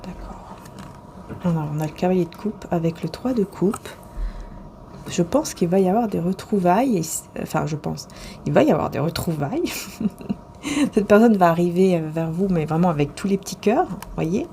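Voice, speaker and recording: A woman talks straight to the viewer through a tarot reading, stopping often to hesitate and restart. Her voice is warm and mellow. A faint hiss sits under the recording. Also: lowish voice, lively intonation, moderate pace. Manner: rambling and hesitant, full of fillers and restarts. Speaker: tarot and oracle card reader.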